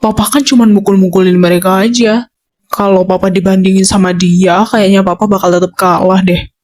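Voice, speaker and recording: A woman playing a teasing, gentle mother in an amateur voice drama dub. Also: medium pitch, fairly even intonation, a little fast.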